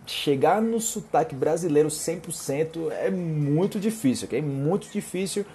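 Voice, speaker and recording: A man's voice: fairly high pitch, animated, a little slow, mellow. A young Brazilian man with a Brazilian Portuguese accent, a Portuguese teacher chatting casually as he reads out viewer questions and answers them. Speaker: Portuguese teacher and online host. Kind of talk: casual live Q&A.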